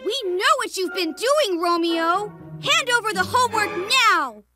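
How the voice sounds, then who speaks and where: A bold young boy superhero leading his team in a cartoon video game. He is earnest, very high and animated, over loud music. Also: a little slow. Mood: firm, defiant.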